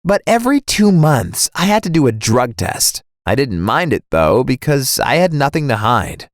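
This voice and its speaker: A young man narrating a first-person animated story in a dramatic, scripted way. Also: mid-range voice, moderate pace, no echo, clean studio sound.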